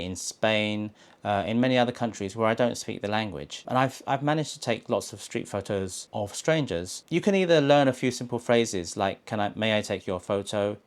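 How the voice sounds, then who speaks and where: A man from England, hosting a casual talking-head photography vlog, speaking conversationally and often restarting or repeating words as he thinks. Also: lowish voice. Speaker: street photographer, video host.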